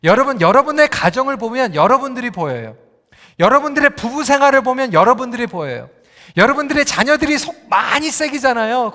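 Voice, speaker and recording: A male pastor preaching a sermon, telling the story in a lively way and speaking straight to the congregation. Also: very high voice, long reverb tail. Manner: animated storytelling, addressing the congregation directly.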